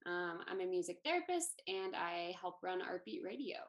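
A woman's voice: fairly low pitch, sing-song, moderate pace. A woman who works as a music therapist, casually leading a group discussion in a friendly, informal, reassuring way. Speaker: music therapist and panel moderator.

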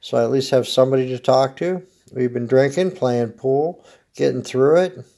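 A mellow, mid-range voice with a gravelly smoker's rasp comes from an Oregon man in his fifties hosting a podcast. At a normal pace, he rambles casually through a comedic monologue, dry and easygoing.

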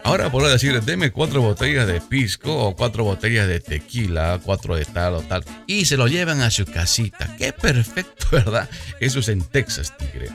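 A man hosting a radio show, talking in a playful, theatrical comedic monologue and addressing listeners directly with drawn-out emphasis. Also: medium pitch, very animated, vocal fry, a bit bright, soft background music.

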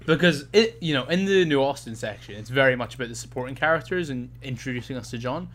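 A man's voice: mid-range voice, expressive, fast, a bit bright. A man co-hosting a podcast, chatting casually, often trailing off mid-sentence. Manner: laughs often, trails off, swears. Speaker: podcast co-host. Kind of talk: casual chat.

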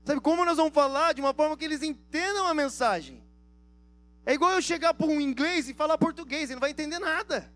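A man preaching a sermon, telling stories in a lively, slangy way and acting out the dialogue. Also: very high-pitched, quick pace. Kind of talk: sermon with storytelling.

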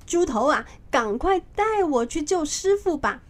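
A cocky, quick-tempered monkey king, as a woman narrator puts him on, scoffing and blustering at everyone around him. His voice stays fairly high and lively, full of bravado. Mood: fierce. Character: proud, hot-tempered male monkey king.

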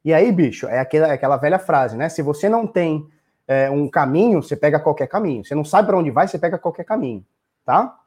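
Here a live streamer in his thirties, Brazilian-accented and a bit drunk, delivers a casual, foul-mouthed rant, repeating his points to chat. The voice is a little high, expressive and fast, darkish and husky.

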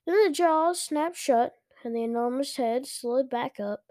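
Woman host reading a kids' book aloud; unhurried, slightly high voice, close and dry. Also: mellow, no echo. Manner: slow, careful reading with small slips. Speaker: podcast host and reader.

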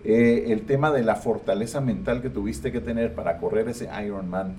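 Male podcast host, blunt and opinionated, dark mellow tone, distant mic with light hiss. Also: on the low side, moderate pace. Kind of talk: casual interview. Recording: distant mic with faint ambient noise.

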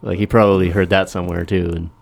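A man's voice: low-pitched, level tone, quick pace, vocal fry. A man hosting a podcast, chatting casually, telling jokes and laughing often. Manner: laid-back, laughs often, rambling storyteller. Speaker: podcast host. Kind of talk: casual chat and joke telling.

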